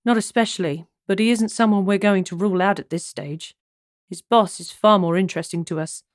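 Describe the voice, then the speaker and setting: A woman's voice: medium pitch, brisk, no room sound, studio quality, close to an everyday voice. A woman voicing an easygoing, flirtatious male police detective in a cozy mystery audiobook. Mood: casual, probing.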